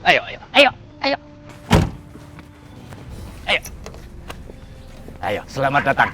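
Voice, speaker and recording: An actor playing a slick male trafficker who poses as a job agent, bossy and hurried, always urging people on. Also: medium pitch, huge pitch swings, long reverb tail, over loud music, exaggerated voice. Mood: impatient. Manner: bossy, hurried, sneering, keeps urging "ayo".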